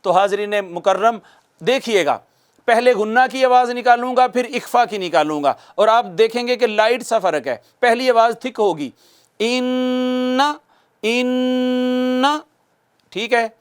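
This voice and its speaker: A man's voice: sits high, lively intonation, clear, resonant tone. A man teaching Quran recitation rules in a recorded lesson, asking questions and answering them himself, repeating key points and demonstrating nasal sounds aloud.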